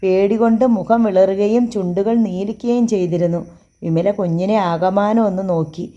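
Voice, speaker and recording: Woman, audiobook narrator, steady measured reading, mellow warm tone, mid pitch. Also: lo-fi sound. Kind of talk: scripted story narration.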